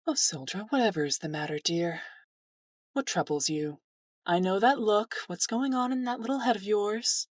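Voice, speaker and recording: A woman voicing a gentle, motherly older female mentor who calls others dear. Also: medium pitch, moderate pace, dry recording, clean studio sound, distant mic, pitched above the performer's own voice, lightly acted. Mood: fond.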